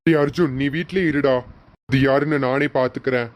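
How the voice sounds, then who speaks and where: A man voicing a protective older brother in a homemade serial, speaking slowly and reassuringly. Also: mid-range voice, natural voice.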